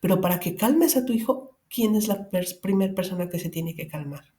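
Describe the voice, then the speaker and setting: Woman, Mexican accent, middle-aged, parenting advisor, mellow warm tone, emphatic, direct. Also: lowish voice, lively intonation, normal speed. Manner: earnest, emphatic, addresses the listener directly. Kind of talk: advice talk to parents.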